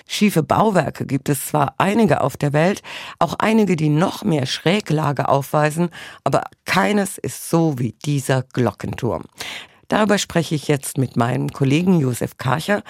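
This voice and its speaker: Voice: mid-range voice, no echo. A radio presenter reading scripted links and putting questions to a studio guest. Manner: smooth scripted links, then asks questions. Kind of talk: radio magazine presenting and interviewing.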